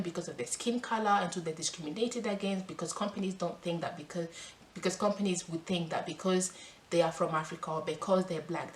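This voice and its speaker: A woman from France talking earnestly to camera as a vlogger, reading statistics and then speaking freely. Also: lowish voice. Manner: earnest and emphatic, with restarts when speaking freely. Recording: roomy sound with faint background noise.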